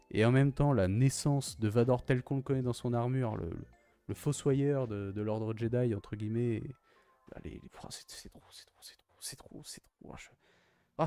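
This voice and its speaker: A young man with a dark, mid-range voice gushes about films in a casual, slangy YouTube review, repeating his exclamations again and again.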